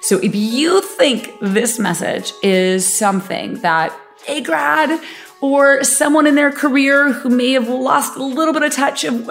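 Upbeat motivational woman podcast host. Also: sits high. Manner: emphatic, frequent filler words, laughs easily. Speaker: podcast host and company founder.

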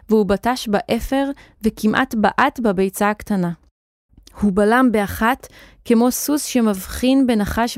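A woman storyteller narrating a children's audio story with expressive, vivid reading. Her voice sits at a middle pitch and is recorded close and dry, with no room sound. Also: no room sound.

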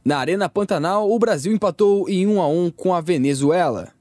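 A man's voice: sits high, a little fast, darkish tone, no room sound, studio quality. A Brazilian man reading a scripted sports introduction as a radio announcer.

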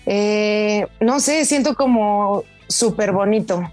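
A Mexican woman in her twenties, a footballer answering interview questions in an animated, casual way with many fillers. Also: medium pitch, takes it slowly, faint music behind. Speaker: professional footballer, interview guest.

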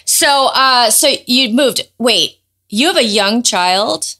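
A middle-aged woman hosting a podcast in loose, excitable casual chat, quick to laugh. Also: a little high. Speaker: podcast host.

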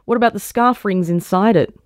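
A woman's voice: medium pitch, fairly quick, dry recording, pitched above the performer's own voice, lightly acted. Bitter, grudging middle-aged mother, read by a woman narrator; clipped, accusing lines in a dry booth. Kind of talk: audio short story reading.

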